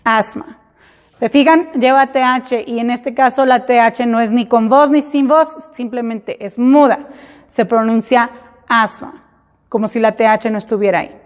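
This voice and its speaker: A woman teaching a class, explaining slowly and repeating example words in English. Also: fairly high pitch, steady tone, darkish tone. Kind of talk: classroom lesson. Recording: hall reverb.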